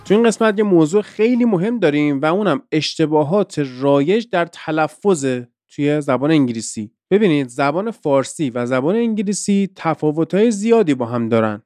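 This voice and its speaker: Podcast host and teacher, male, light-pitched and smooth, dry close-mic delivery explaining examples. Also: animated, few pauses, a little mellow, no echo, faint music behind.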